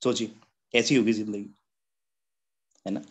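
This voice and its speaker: At a business meeting, a man gives a motivational seminar talk in a lowish, level voice with a breathy edge, speaking a little slowly. Chatty and joking, he laughs at his own points and keeps tossing out rhetorical questions capped with a constant "है ना?"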